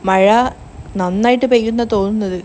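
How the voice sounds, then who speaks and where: A woman's voice: mid-range voice, steady tone, fairly quick, mellow, a little hiss or hum, natural voice. A woman reading the lines of a blunt, tactless middle-aged uncle in a serial recap, grumbling in her own voice.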